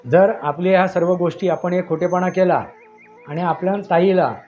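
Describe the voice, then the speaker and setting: A man with a high voice tells a horror tale with drama, leaning on repeated phrases. The sound is dull and lo-fi. Faint music plays underneath. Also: steady tone, normal speed, darkish tone. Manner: emphatic, repetitive phrasing. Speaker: storyteller. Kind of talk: dramatic horror story narration.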